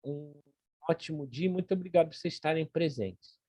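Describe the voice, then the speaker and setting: A man's voice: a little high, mellow, no echo. Earnest Brazilian man presenting, dry sound. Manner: earnest, halting with repeated words. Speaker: meeting organizer. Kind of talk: online meeting presentation.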